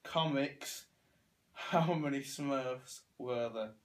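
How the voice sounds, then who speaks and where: A British teenage boy speaks extremely slowly in a medium-pitched voice, bantering casually through a quiz as a challenge participant. He sits on a living room sofa indoors, recorded by a camera a short distance away.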